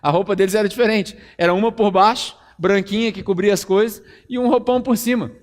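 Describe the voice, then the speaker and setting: A Brazilian man preaches a sermon in a church with a relaxed, chatty tone. His voice sits high and he tells the story with a lot of energy. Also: quick pace. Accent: Brazilian Portuguese. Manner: conversational, animated storytelling. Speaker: pastor.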